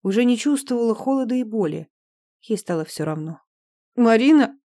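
Mellow woman narrating, calm and measured. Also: fairly high pitch, no room sound, clean studio sound. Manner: calm, measured, subdued reading. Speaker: audiobook narrator. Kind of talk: scripted narration.

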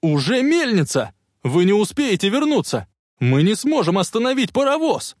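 A man voicing an excitable young man who shouts urgently and frantically to his friend. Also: a little high, moderate pace, no echo, clean studio sound. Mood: frantic yelling.

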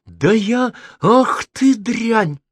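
A man's voice: a little high, very animated, moderate pace, no room sound, clean studio sound, voice pushed up. A man voicing an insulted man whose voice shakes with tears and outrage. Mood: shaky anger. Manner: shaky, tearful outbursts. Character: trembling, sobbing man, proud host insulted.

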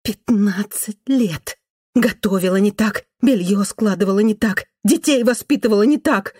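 A reader voicing an irritated woman in an audiobook, reproaching her husband in a low, angry voice. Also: lively intonation, normal speed, a little mellow, breathy edge, dry recording, clean studio sound. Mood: resentful. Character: bitter irritated wife arguing in a hiss.

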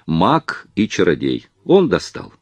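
Cheerful young actress, voiced by a man in a low register, animated and teasing. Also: slow pace, slightly rough, dry recording, full character voice.

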